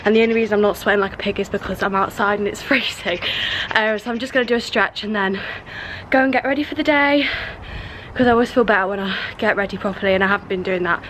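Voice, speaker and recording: A woman's voice: medium pitch, steady tone, fast, a bit bright, slight background noise. A woman in her twenties talking to camera in a casual vlog, chatty and rambling with lots of fillers like "like" and "do you know what I mean". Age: 20s. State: out of breath after exercise. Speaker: vlogger. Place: at home and outdoors in a garden.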